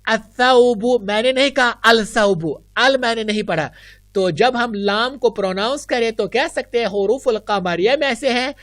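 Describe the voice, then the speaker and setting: A woman with a Kashmiri accent teaching an online Arabic lesson, drawing out each example word slowly and carefully. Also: mid-range voice, dry recording, clean studio sound. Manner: slow, careful, drawn-out example words.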